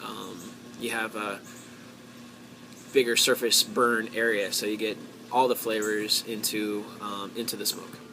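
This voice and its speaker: An American man talking casually to his viewers as a hobby vlogger, in a halting way, thinking aloud with drawn-out pauses. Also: lowish voice, level tone, gravelly, bright, forceful tone, a little hiss or hum, rough recording. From United States. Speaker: pipe-hobby vlogger and host. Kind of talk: casual solo talk to viewers.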